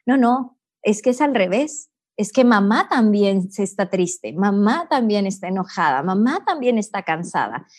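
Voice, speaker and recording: Calm middle-aged woman guiding gently. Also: mid-range voice, normal speed, few pauses. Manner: calm, teacherly, with many "¿no?" tags. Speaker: guest, personal growth coach. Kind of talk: reflective interview talk.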